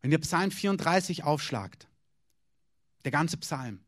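A man's voice: fairly high pitch, animated, measured pace, a bit bright. A man preaching a sermon as pastor, talking directly and informally to the congregation with many questions.

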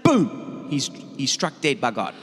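A man's voice: mid-range voice, wildly swooping pitch, a little slow, husky. A man preaching a sermon in short phrases for an interpreter, telling a Bible story and acting out the voices of its figures. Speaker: guest preacher. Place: church hall. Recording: reverberant church hall.

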